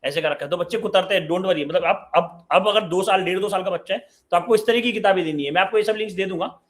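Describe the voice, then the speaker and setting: A man in his late twenties hosts a live online parenting session. His voice sits a little high for a man, and he reads out viewer questions before answering them in an easy, conversational way. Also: quick pace. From Uttar Pradesh, India. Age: 20s.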